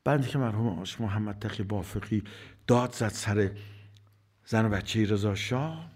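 A man's voice: on the low side, a little mellow, husky. A man giving a religious sermon, asking rhetorical questions and answering them himself, rising to emphatic bursts and dropping to whispered asides. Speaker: preacher.

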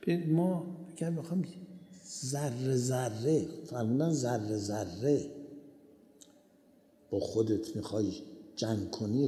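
A man preaching a sermon in a deep, very mellow and warm voice. He drives his point home by repeating key phrases. The sound is roomy, with a long hall reverb trailing each line.

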